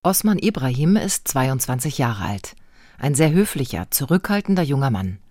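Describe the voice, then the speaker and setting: A woman reporter narrating a scripted radio feature in an even, clear voice. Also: rumbling low, moderate pace, no echo, studio quality.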